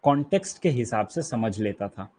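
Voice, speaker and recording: A husky, dark-toned male voice of medium pitch, sing-song and moderately paced, carries an Indian English accent. The man, from India, teaches an online exam-prep lecture, patiently explaining and repeating key terms and continually checking his students follow.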